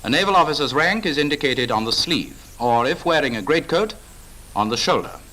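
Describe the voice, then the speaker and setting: Narrating a wartime 1940s training film, this British man speaks a little fast and expressively, his bright, rather high voice moving up and down as he delivers firm, clipped instructions. It carries the quality of an old film soundtrack.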